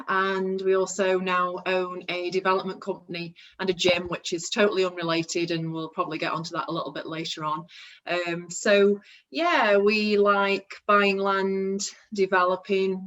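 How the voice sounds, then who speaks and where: A woman's voice: medium pitch, a bit bright. Female podcast guest, Stoke accent, mid-range voice, conversational and informal interview delivery. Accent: Stoke-on-Trent, English. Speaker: podcast guest, construction business owner.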